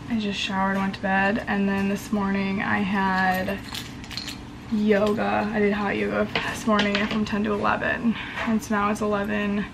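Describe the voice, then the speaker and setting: A young woman chats casually to camera in a hoarse, strained voice that is partly lost. There is gravelly fry through it, and clear room noise sits behind her. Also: mid-range voice. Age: young adult. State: losing her voice after screaming. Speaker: college student vlogger. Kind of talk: casual vlog chat. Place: small bedroom, indoors. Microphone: camera at about arm's length.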